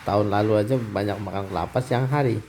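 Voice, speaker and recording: A man's voice: on the low side, quick pace, a little mellow, slight background noise. A middle-aged man, a father filming his family at home on a phone and teasing them in casual chat. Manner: teasing, chatty, keeps addressing his daughter.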